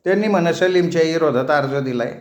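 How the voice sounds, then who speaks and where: A man's voice: a little high, quick pace, a little mellow, pitched above the performer's own voice, close to an everyday voice. A man voicing Yasin, a talkative middle-aged village butcher who chatters in rustic dialect, recorded in an echoey room. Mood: chatty.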